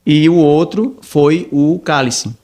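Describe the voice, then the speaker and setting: A man, a podcast guest telling a story in an animated, rambling way, with many restarts and quoted dialogue. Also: on the high side, slow. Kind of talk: casual storytelling.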